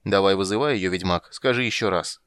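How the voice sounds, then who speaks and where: A man's voice: low voice, fairly quick, fairly bright tone, no room sound. A man voicing a hot-tempered, lovesick prince who barks orders. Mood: blustering. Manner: blustering, barking orders.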